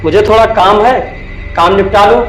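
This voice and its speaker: एक अभिनेता द्वारा निभाया गया काम में डूबा पति. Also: male voice, high voice, fairly bright tone, echoey room, soft background music, poor audio. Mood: dismissive. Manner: dismissive, hurried. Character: busy husband, dismissive, work-focused.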